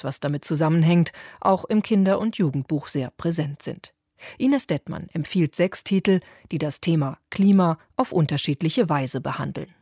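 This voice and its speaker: A radio presenter reading a scripted news introduction in a crisp, matter-of-fact way. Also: mid-range voice, darkish tone, no echo, clean studio sound.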